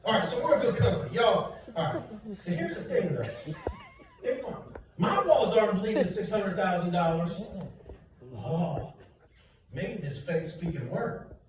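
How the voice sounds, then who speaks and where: A man's voice: sits high, big pitch swings, a little slow, pauses often, background noise. A middle-aged man doing a self-deprecating stand-up set for a live audience in a church hall. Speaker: stand-up comedian. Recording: echoey hall from far off.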